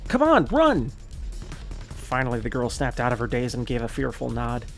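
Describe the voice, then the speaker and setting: A male gaming streamer reading a visual novel's narration aloud, with a steady voice and the odd slip he corrects. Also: mid-range voice, a little fast, vocal fry, soft background music. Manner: steady narrating read with occasional slips and self-corrections.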